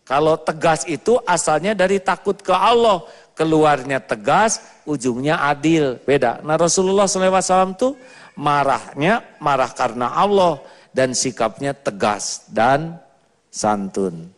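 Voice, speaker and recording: A man's voice: fairly high pitch, expressive, moderate pace. A man preaching a sermon to a live audience, asking them rhetorical questions as he goes. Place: large hall with an audience. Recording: long hall reverb.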